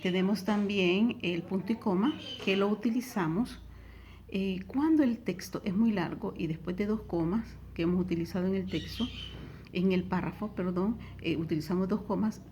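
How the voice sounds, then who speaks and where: A woman's voice: medium pitch, moderate pace, mellow, a little hiss or hum. A middle-aged woman with a Honduran Spanish accent, teaching a recorded tutoring lesson and explaining step by step, often checking in with a question tag.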